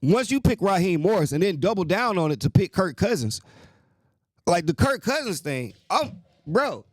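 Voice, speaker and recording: Animated, profane man ranting about sports. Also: moderate pace, no echo. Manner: profane, exasperated ranting with swings in pitch. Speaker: host. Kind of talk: casual sports rant.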